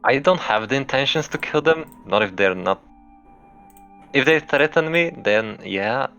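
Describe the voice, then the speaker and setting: A man voicing a calm, bored young female fox spirit in a tabletop role-play, speaking in a measured, polite way. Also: medium pitch, dull audio, faint music behind, pitched above the performer's own voice. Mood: cautious.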